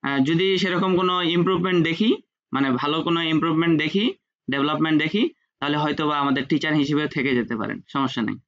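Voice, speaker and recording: A man's voice: a little high, quick pace, fairly bright tone. A man teaching an online French class in Bengali, patiently drilling pronunciation. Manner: patient, repeats sounds for students to echo. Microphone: video call. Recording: dull lo-fi video call audio.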